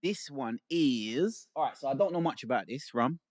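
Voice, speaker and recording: A man, hosting a relaxed, bantering podcast chat. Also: medium pitch, normal speed, no room sound, clean studio sound. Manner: relaxed, laid-back banter with laughs. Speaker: podcast host. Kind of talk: casual chat.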